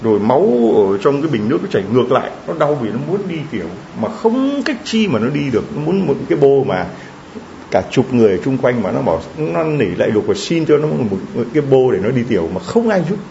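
A male preacher tells a story as a moral lesson, with a gravelly edge to his voice. His pitch leaps high and drops low as he gets caught up in the telling, often stammering over the same word. The recording is dull and lo-fi, with a faint hiss underneath. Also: very animated, fast, warm tone. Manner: emotional retelling with stammered repeats.

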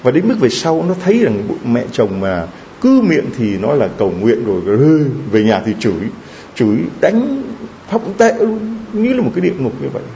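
A man's voice: mid-range voice, huge pitch swings, quick pace, warm tone, slight background noise. A man preaching, retelling a story with strong emotion and stammered repeats. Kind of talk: moral storytelling in a sermon. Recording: dull lo-fi recording.

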